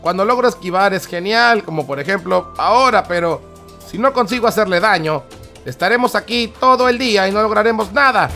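Brief: male game host, very high and gravelly, loudly calling each move. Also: a little fast, soft background music. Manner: dramatic, exclamatory, narrates every move. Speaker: gaming channel host. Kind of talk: gameplay commentary.

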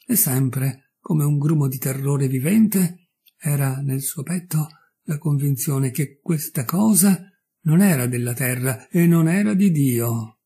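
A man reads a literary tale aloud with measured, expressive pacing. His voice is mellow and dark with a husky grain. He narrates like a dedicated audiobook reader. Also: a little high. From Italy. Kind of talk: dramatic literary reading.

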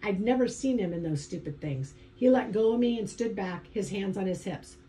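A woman's voice: mid-range voice, normal speed, warm tone, poor audio. A woman narrating a first-person audiobook in a conversational, wry inner-monologue manner.

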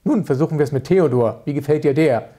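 An eccentric, temperamental music director, as a man reading aloud puts him on, in a warm, somewhat higher voice. He talks theatrically and capriciously, sometimes scolding, sometimes playful, like a figure from a historical storybook. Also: fast, natural voice. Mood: teasing.

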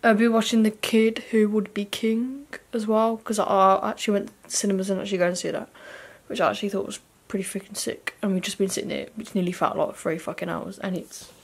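A young Englishwoman in her twenties vlogs from a hotel room, holding the camera or phone at arm's length and chatting in a slangy, sweary, rambling way. Her mid-range voice is steady and breathy, racing along with hardly any pauses.

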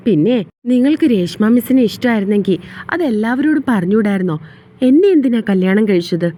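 A woman's voice: medium pitch, animated, brisk, mellow, a little hiss or hum, lightly acted. Woman reading as a hurt, defiant young wife. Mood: accusing. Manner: accusing, reproachful.

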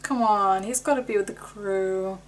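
A woman's voice: medium pitch, fairly even intonation, normal speed, music in the background, poor audio. A young woman, chatting casually and jokingly while she reacts to a film. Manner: chatty, joking, laughs often. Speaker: movie reaction creator. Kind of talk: casual movie reaction commentary.

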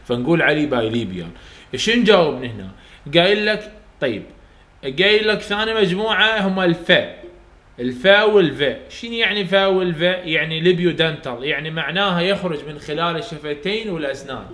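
Man, Iraqi Arabic accent, phonetics lecture, slightly high voice, roomy echo. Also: expressive, quick pace, bright, forceful tone. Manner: explains step by step, repeats sounds aloud for students to copy. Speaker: university English phonetics teacher. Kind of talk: recorded lecture for students.

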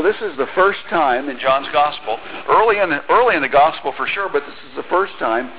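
Wearing a headset mic in a church sanctuary, a middle-aged pastor delivers a conversational sermon, restarting small phrases now and then and reading scripture aloud. His voice is fairly high, captured with lo-fi sound and a little hiss or hum.

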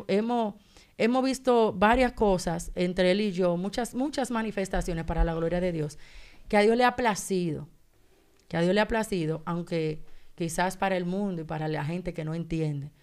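On a radio talk show, a female guest with a lowish voice shares an emotional personal testimony at a moderate pace. She tells it in an animated way, acting out the dialogue along the way.

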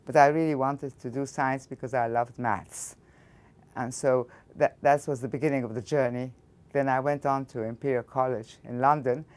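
An older Egyptian woman, a physics professor, answers interview questions thoughtfully in a studio against a backdrop, often restarting her sentences. Her Egyptian-accented voice is extremely low in pitch and a little mellow.

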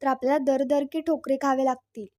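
A woman reading the lines of a scheming young niece in a coaxing manner, in a high voice. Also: fairly even intonation, brisk, mellow, no echo, studio quality, natural voice.

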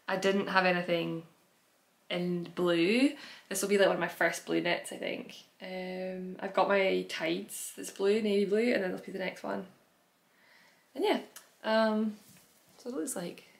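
A woman's voice: medium pitch, fairly even intonation, measured pace, creaky. A woman hosting a knitting podcast, chatting casually as she shows her projects, rambling with fillers and self-corrections. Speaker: knitting podcast host and pattern designer. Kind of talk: casual chatty show-and-tell.

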